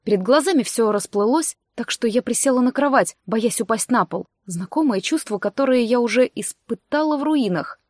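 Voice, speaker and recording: A woman's voice: on the high side, animated, normal speed, hardly any pauses, a little mellow, no room sound, studio quality. Woman narrating a fantasy audiobook. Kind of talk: first-person audiobook narration.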